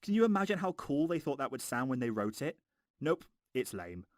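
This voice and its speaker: A man's voice: a little high, very animated, quick pace, no room sound, clean studio sound. A man narrating a scripted film review in a mocking, exasperated, sweary way.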